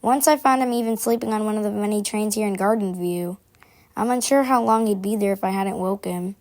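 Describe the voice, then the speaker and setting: Close to her everyday voice, a little mellow and a bit fast at medium pitch, this woman performs a scripted monologue as a gossipy game character. Prim and busy, the character confides in formal language, chatty despite her aloofness.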